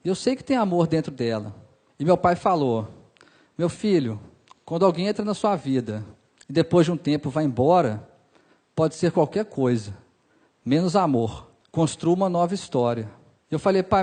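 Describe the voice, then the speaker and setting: High-voiced young Brazilian man storytelling. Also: big pitch swings, normal speed. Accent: Brazilian Portuguese. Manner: emotional, acts out dialogue, drops soft for sad parts. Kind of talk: personal storytelling speech.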